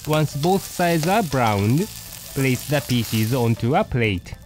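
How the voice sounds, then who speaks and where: A man voicing a poodle dog who hosts a cooking show, narrating a recipe in slow, deliberate steps. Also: mid-range voice, animated, a little mellow, poor audio. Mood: patient. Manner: slow, deliberate step-by-step instructions.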